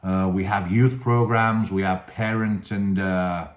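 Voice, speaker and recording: A man's voice: low voice, fairly even intonation, measured pace. A man with a Teesside accent from north-east England, a coach talking informally and enthusiastically to his channel's viewers, often repeating his phrases. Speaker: wrestling coach and channel host. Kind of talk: informal talk to camera for a video channel. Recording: echoey, reverberant room.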